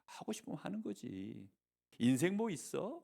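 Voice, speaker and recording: A man voicing the devil as a tempter, with a slow, coaxing delivery. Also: on the high side, very animated, gravelly, mellow, full character voice.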